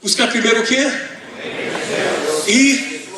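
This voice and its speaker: Male sermon interpreter, very high and sharp voice, impassioned, off-mic in a reverberant auditorium. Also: animated, slow, background noise. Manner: impassioned preaching, swinging between shouted emphasis and hushed asides. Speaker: interpreter for a visiting preacher. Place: large auditorium. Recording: echoey hall, voice from a distance.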